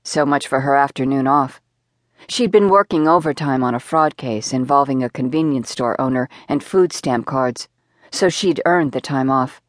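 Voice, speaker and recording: A woman narrating a thriller audiobook in a steady, measured way. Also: a bass voice, no echo, studio quality.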